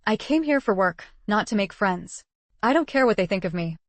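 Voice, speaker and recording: A woman reading the lines of a calm, reserved young male researcher in an audiobook, in her own everyday voice and a cool, matter-of-fact manner. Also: mid-range voice, moderate pace, no room sound, close to an everyday voice.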